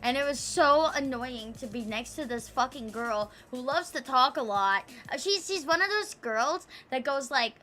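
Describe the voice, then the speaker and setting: A woman's voice: high voice, animated, normal speed, few pauses, pushed and bright, soft background music. A young adult woman streamer in a rambling, profane casual rant, full of "like". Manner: profane, rambling, heavy use of "like". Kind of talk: casual ranting chat.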